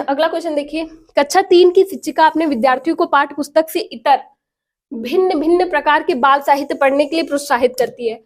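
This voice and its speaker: A woman's voice: high voice, brisk. A woman teacher going through exam practice questions, asking the class questions and answering them herself. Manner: explains each option by asking and answering herself. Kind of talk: exam prep lesson.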